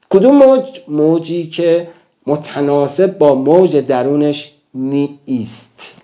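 A man delivers a motivational talk in a fairly high, mellow voice. He speaks emphatically and keeps turning to his listeners with rhetorical questions.

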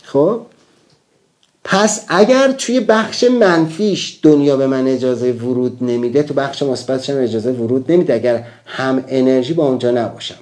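A man's voice: medium pitch, a little mellow. A man giving a motivational talk, emphatic and addressing listeners with rhetorical questions. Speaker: motivational speaker.

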